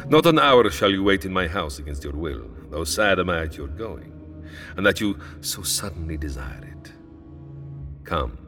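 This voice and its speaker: An actor playing a menacing, courtly old male vampire count who speaks with slow, silky, sinister courtesy in an audio drama. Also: low-pitched, very animated, a bit bright, faint music behind, heavily acted. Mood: silky menace.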